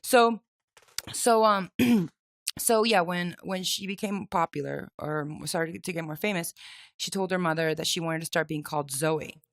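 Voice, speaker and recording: A woman co-hosting a podcast, telling a story with lively, emphatic reactions. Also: fairly low pitch, moderate pace, vocal fry. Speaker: podcast co-host. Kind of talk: casual conversation.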